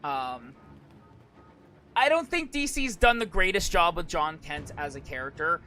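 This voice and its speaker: A man's voice: fairly high pitch, sing-song, unhurried, bright, forceful tone, faint music behind. A man streaming casual live commentary, rambling and hesitant, often repeating and restarting his phrases. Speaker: streamer, virtual YouTuber.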